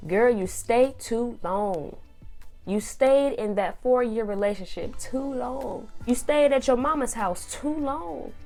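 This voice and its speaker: A woman's voice: on the high side, slow pace, a little mellow, faint music behind. A young woman from Kansas City, talking casually in a faith-based advice vlog, playful and sassy as she preaches straight to her younger self. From Kansas City, USA. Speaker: vlogger.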